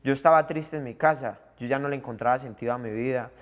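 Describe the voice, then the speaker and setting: A man's voice: mid-range voice, fast. A young man with a Colombian accent giving an earnest personal testimony in an interview, acting out the voices of the people in it. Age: young adult. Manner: earnest storyteller, acts out the voices of people in his story.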